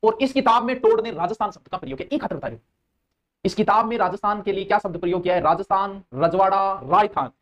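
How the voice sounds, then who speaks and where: A man with a Rajasthani accent giving a live exam-coaching lecture. He jokes, answers viewer comments aloud and repeats key terms slowly so students learn them by rote. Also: high-pitched, expressive, dull audio. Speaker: teacher.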